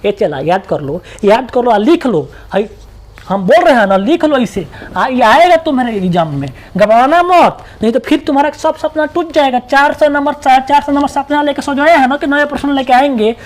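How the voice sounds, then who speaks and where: Male tutor, Bihari accent, rapid colloquial exam-prep lesson, repeats points to drill them. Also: very high voice, animated.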